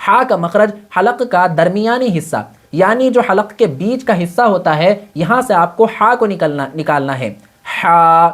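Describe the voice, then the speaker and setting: A man's voice: high-pitched, animated, hardly any pauses. A man teaching Quran reading with tajweed, explaining patiently step by step and mixing English words into his talk. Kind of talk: tajweed lesson.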